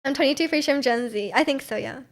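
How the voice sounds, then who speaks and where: Speaking very fast in a high-pitched voice, this woman in her twenties chats casually on a stream and reads out viewer messages. She's giggly and talkative, laughing often.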